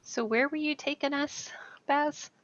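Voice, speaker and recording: A woman's voice: high-pitched, steady tone, a little slow, a bit bright, highs cut off. A woman playing a tabletop game, talking in casual in-game banter.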